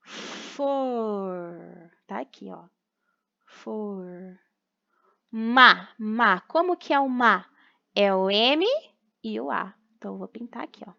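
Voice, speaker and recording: A woman's voice: a little high, expressive, moderate pace, gravelly, a bit bright, highs cut off. A young woman teacher with a Brazilian Portuguese accent, patiently sounding out syllables for young children in a recorded remote class. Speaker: primary school teacher.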